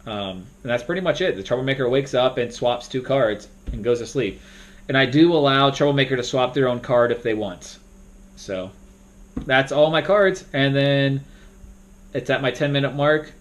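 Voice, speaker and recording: A young man casually walking through how to moderate a party game, rambling and now and then bursting into loud acted-out announcements. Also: mid-range voice, normal speed. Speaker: game moderator teaching a tutorial. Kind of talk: casual instructional talk.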